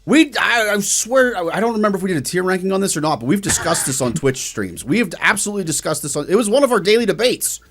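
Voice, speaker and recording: A man's voice: high-pitched, very animated, fast talker, hardly any pauses, fairly bright tone. A man co-hosting a gaming talk show, chatting casually and animatedly, calling the viewers guys. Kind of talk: casual chat.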